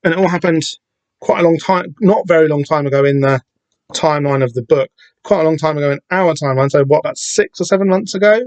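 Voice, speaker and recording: Talking fast in a slightly high, darkish voice, a man digresses his way through his solo comic book podcast, full of fillers and self-corrections. There's no room sound, though he sits in a home room with the door open on a summer day.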